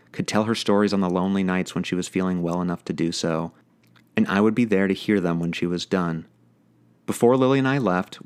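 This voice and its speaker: A man's voice: sits low, clear, resonant tone. A man narrating his podcast in a reflective, personal, plainspoken way. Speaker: podcast host.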